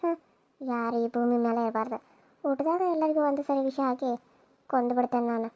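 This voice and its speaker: A woman's voice: fairly quick, no echo, lightly acted. A woman voicing a cruel, scheming young woman villain in a cartoon serial, with a sneering, menacing delivery. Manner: sneering, menacing, low and hushed.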